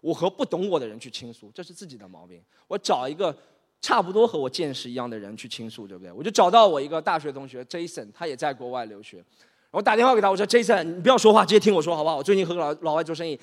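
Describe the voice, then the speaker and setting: A man in his thirties from Shanghai doing a stand-up set, animated, slipping English phrases into his talk and acting out characters. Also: fairly high pitch, fast talker. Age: 30s. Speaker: stand-up comedian. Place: stage in a hall. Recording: reverberant hall.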